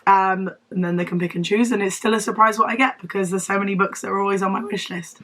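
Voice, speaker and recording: A woman's voice: mid-range voice, steady tone, fast, fairly bright tone. A young woman with a southern English accent chats casually to camera in a wheezy, strained voice, unwell and rambling in a self-deprecating way. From Devon, England. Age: young adult. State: unwell, losing voice. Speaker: book vlogger. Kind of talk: casual chatty vlog to camera.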